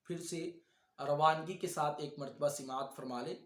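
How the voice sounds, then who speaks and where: A man teaching Quran recitation, explaining pronunciation quickly, then chanting the verses slowly. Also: fairly high pitch, fairly even intonation, echoey room. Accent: Urdu. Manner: brisk explanations alternating with slow drawn-out chanted recitation.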